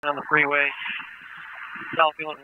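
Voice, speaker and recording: A man's voice: fairly high pitch, monotone, a little slow. A man speaking in clipped dispatcher style over a crackly two-way walkie-talkie radio. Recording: tinny band-limited police scanner radio.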